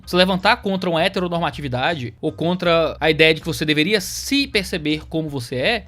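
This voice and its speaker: High-voiced Brazilian man arguing a point. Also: a bit bright. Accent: Brazilian Portuguese. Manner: argumentative, checks in with rhetorical tag questions. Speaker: commentator. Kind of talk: reaction commentary.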